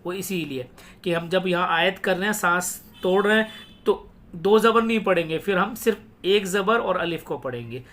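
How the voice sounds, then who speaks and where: A man teaching Quran reading in a recorded lesson, explaining the rules patiently and then spelling out words slowly, syllable by syllable. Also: high voice, fairly bright tone.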